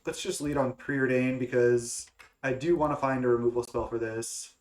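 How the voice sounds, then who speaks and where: A gaming content creator, young and male, talks casually through his card game moves while thinking aloud. His congested, stuffy voice is medium in pitch with fairly even intonation and a moderate pace, and he hesitates with many fillers and restarts.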